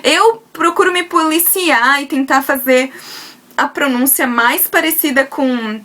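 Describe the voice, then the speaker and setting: A woman's voice: high voice, a little slow, pushed and bright. A young Brazilian woman with a Brazilian Portuguese accent, chatting casually to her viewers in a vlog, with frequent fillers and self-corrections. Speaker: vlogger.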